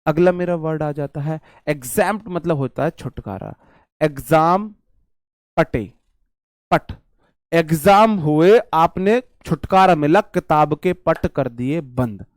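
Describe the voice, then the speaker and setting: A man's voice: fairly high pitch, expressive, slow, no room sound. A man teaching an online vocabulary class, repeating words and memory tricks and calling his viewers brother.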